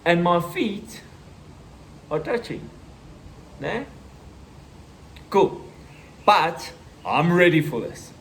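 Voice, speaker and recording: A South African man in his thirties telling a personal story in a casual vlog, acting out the voices and the shouting. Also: sits high, sing-song, drawn-out words, pauses often, slight background noise. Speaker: vlogger.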